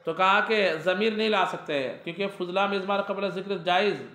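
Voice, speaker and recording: Speaking in a high, bright voice with a forceful tone and fairly even intonation, a male teacher slowly reads Arabic aloud during a classroom grammar lesson. He quizzes his students but often supplies the answers himself, and the recording has a roomy sound.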